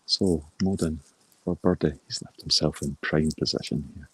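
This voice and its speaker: A man giving informal live golf commentary, explaining shots in a measured way and reacting briefly as they play out. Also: extremely low pitch, steady tone, breathy edge, rough recording.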